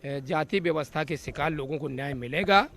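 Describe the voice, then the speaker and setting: High-voiced man making political points. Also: moderate pace, a bit bright. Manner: rhetorical, listing slogans. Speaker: politician, legislator. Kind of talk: speech-like interview answers.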